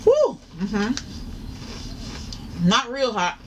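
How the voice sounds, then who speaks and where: A woman's voice: fairly high pitch, wildly swooping pitch, very slow, distant mic. Woman, chewing through a taste test, drawling mm-hmms, mic away from her, noisy room. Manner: casual, drawling, lots of mm-hmms. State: chewing while talking. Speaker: food vlogger. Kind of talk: mukbang snack review.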